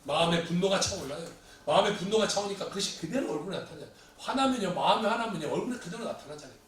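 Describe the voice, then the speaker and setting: A man preaching a sermon as pastor to his congregation, swinging between loud pleas and quiet asides. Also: high-pitched, expressive, racing. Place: church sanctuary. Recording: echoey church hall from a distant mic, faint room noise.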